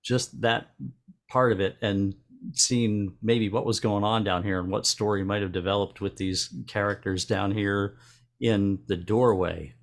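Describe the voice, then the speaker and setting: A man presenting club entries and giving halting photo critiques with many restarts. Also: lowish voice, fairly even intonation.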